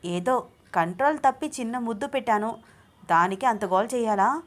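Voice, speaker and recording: A woman's voice: a little high, moderate pace, close to an everyday voice. Woman reading as a teasing young husband. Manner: teasing, coaxing, calls his wife babe. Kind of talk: storybook reading.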